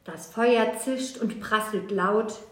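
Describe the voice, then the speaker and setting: Woman, children's story reader, rhymed verse, very slow, measured, slightly high, echoey room, faint background noise.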